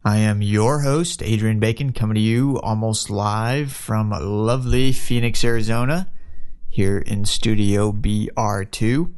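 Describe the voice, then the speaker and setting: A man's voice: fairly low pitch, a little slow, a little mellow. A man hosting a tech news podcast, sounding congested from allergies, reading news items and adding casual asides with fillers. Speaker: podcast host. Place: home studio.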